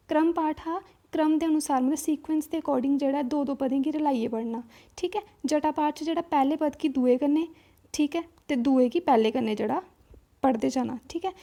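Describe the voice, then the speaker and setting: A woman with a Dogri accent teaching an exam-prep lesson in a high, mellow voice. She explains step by step, often stopping to check in and restarting her sentences. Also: creaky.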